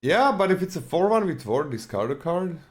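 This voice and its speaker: Man, casual co-host, lively pitch, halting speech full of restarts, talking over a call. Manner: halting, restarts mid-sentence, animated. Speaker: co-host of a card game podcast. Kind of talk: casual card review chat.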